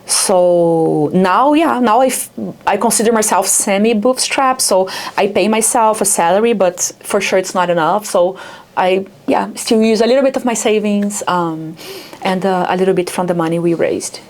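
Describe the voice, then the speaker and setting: A young adult startup founder from Rio de Janeiro speaks with a Brazilian accent in a casual interview. Her mid-range voice moves at a moderate pace, and she's chatty, packing in fillers like "like" and "yeah."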